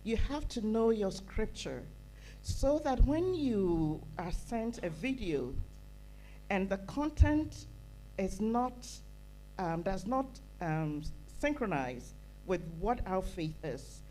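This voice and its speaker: A woman's voice: mid-range voice, very animated, slow, mellow, slight background noise, low-quality recording. A woman from Ghana, speaking earnestly from the floor at a conference, repeating phrases for emphasis. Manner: earnest, emphatic, builds with repetition. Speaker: audience member at a conference. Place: conference hall. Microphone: handheld microphone.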